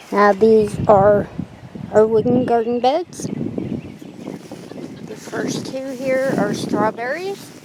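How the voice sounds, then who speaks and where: A woman's voice: on the high side, warm tone, low-quality recording. Chatty woman touring her garden outdoors. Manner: chatty, homespun, says "yeah" a lot. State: a little out of breath. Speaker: channel host. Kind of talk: casual garden tour. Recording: faint outdoor noise and wind.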